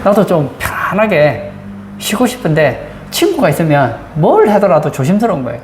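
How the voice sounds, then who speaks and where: With a deep, slightly mellow, sing-song voice at a moderate pace, a woman pastor preaches and keeps asking her congregation rhetorical questions. The setting is a church sanctuary, recorded with roomy acoustics and faint background noise.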